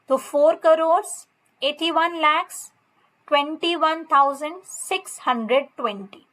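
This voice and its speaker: Slow, high-voiced Indian woman teaching maths. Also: fairly bright tone. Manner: reads textbook lines slowly, explains in mixed Hindi and English. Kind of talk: classroom lesson explanation.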